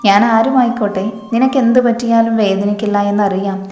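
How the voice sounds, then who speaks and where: A woman's voice: mid-range voice, steady tone, a little fast, mellow, echoey room, soft background music, close to an everyday voice. A woman voicing a menacing anonymous male caller who taunts his victim. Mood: taunting. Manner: taunting, gloating.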